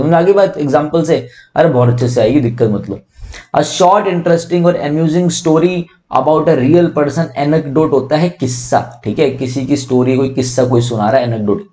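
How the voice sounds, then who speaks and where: A young male tutor with a dark, mellow voice works through an exam vocabulary list. He explains in Hindi, mixes in English terms and drags out each English definition slowly. He spells words letter by letter and keeps asking what the word is called. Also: a little high. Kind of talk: exam-prep vocabulary lesson.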